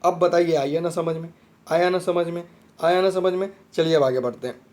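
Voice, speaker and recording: A man's voice: on the high side, fairly even intonation, normal speed, a little mellow. A man teaching an exam-prep grammar lesson, often repeating himself and checking whether the students have understood. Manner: repetitive, checks understanding with "theek hai friend".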